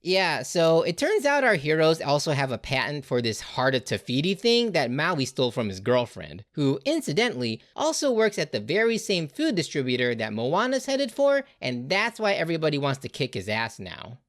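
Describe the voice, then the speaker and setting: A woman narrating a comedic cartoon recap with dry, sarcastic snark. Her voice is low yet swings widely in pitch as she mocks the plot. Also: sing-song, normal speed, hardly any pauses. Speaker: animator and narrator.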